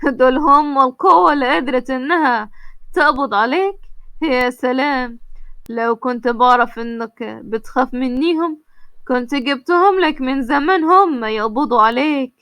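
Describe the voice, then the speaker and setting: A woman voicing a triumphant young man with an Egyptian accent who gloats slowly over his enemy. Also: high voice, fairly bright tone, no echo. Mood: gloating. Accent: Egyptian Arabic. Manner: gloating, slow and deliberate.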